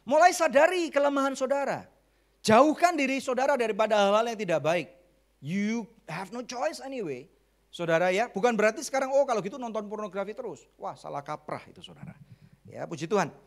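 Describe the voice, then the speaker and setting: A middle-aged man with an Indonesian accent, a pastor preaching a lively, conversational sermon full of jokes and English phrases. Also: high voice, brisk.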